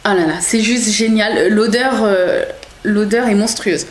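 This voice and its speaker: A woman's voice: mid-range voice, measured pace, reverberant, a little hiss or hum. A young woman casually reviewing teas from a subscription box, chatty, with many hesitations and self-corrections. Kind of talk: casual product review vlog.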